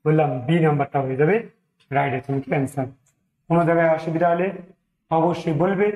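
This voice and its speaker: A man's voice: a little high, fast, darkish tone, reverberant, low-quality recording. A man teaching an exam-prep maths lesson, talking through each sum step by step, with a Bengali accent and English numbers mixed in.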